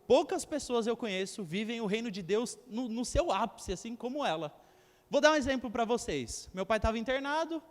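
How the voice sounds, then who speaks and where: High-voiced young preacher in a reverberant church. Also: male voice, expressive, moderate pace. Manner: storytelling with acted quotes and asides to the congregation. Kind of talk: sermon.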